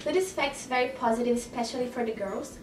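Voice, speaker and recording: Speaking quickly in a slightly high voice, this Brazilian vlogger talks casually to her camera with a Brazilian Portuguese accent. She's chatty, laughs a lot and repeats words for emphasis; the audio is roomy and a little distant, with some hiss or hum.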